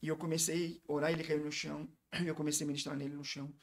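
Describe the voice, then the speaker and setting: Fervent gravelly-voiced preacher man. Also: a little high, little pitch movement, quick pace. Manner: fervent, emotional storytelling. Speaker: guest pastor. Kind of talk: personal testimony in a podcast interview.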